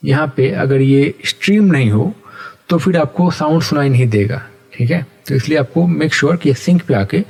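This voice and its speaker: A man teaching animation software step by step in a patient, explanatory way, often checking in with his viewers. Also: a little high, gravelly. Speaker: animation tutor. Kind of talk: screen-recorded software tutorial.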